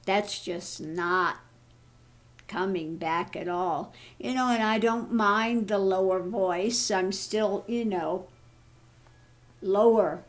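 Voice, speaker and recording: A woman in her early seventies, an online vlogger and tarot reader, chats casually about personal matters. Since thyroid surgery her voice has been lowered and tires easily, so she speaks haltingly, but she stays good-humoured and laughs at her own troubles.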